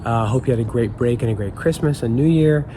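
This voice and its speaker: A man's voice: mid-range voice, brisk, noisy background. A man speaking as an upbeat, informal youth pastor, giving a casual devotional talk.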